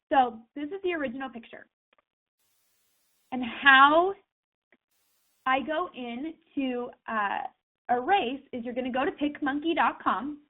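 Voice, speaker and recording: A woman with a high, slightly raised voice hosts a casual screen-share tutorial, talking viewers through it in a loose, chatty way packed with fillers. She's fighting a cold and sniffles now and then, and the audio sounds thin and tinny, like a phone line.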